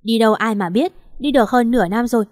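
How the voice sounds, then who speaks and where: Sharp-tongued scolding woman, as a woman narrator puts her on; loud, biting, storybook read. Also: a little high, fast, natural voice. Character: sharp-tongued shrewish woman, hostile to strangers.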